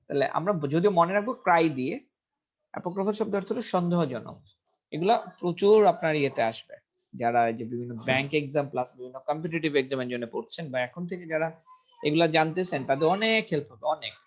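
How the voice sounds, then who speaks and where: A man's voice: on the high side, expressive, fast. A man teaching English vocabulary in a casual lesson, repeating each word several times and checking pronunciation aloud. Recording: dull lo-fi recording.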